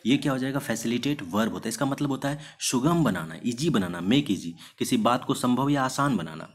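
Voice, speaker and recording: A man teaching English vocabulary in Hindi, mixing in English words. He keeps asking rhetorical questions and answering them himself, and slows down to spell out and stress example sentences. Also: mid-range voice, animated, slightly rough. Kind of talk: classroom-style vocabulary lesson.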